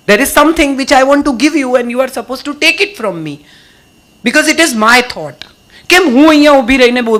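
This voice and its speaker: A middle-aged woman with a Gujarati accent giving a motivational speech to a live audience, telling stories and firing rhetorical questions. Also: on the high side. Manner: rhetorical questions, storytelling, lively. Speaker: motivational speaker.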